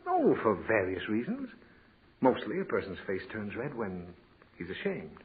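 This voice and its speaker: Pitched lowish with a breathy edge, this heavily acted male voice swings wildly in pitch at a moderate pace. It belongs to the patient, fussy, easily flustered father lecturing his misbehaving daughter in a 1940s radio comedy, captured on a tinny old broadcast with light hiss.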